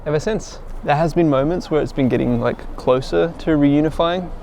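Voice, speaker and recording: A man's voice: on the high side, moderate pace, vocal fry, a little mellow, slight background noise. A young man chatting casually in a travel vlog, explaining as he goes and filling with "like", recorded outdoors on a tour. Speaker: travel vlogger.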